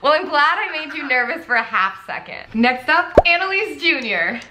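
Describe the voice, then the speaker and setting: A woman's voice: high-pitched, big pitch swings, normal speed, roomy sound, background noise. A young woman hosting a casual vlog, chatty, giggly and nervous. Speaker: host.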